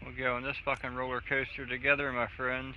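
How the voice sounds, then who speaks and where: Delivered completely flat and brisk, this medium-pitched male voice handles casual livestream chat while gaming with a friend, heavy on swearing and jokes but laid-back. The audio is slightly dull, with game music and slight background noise.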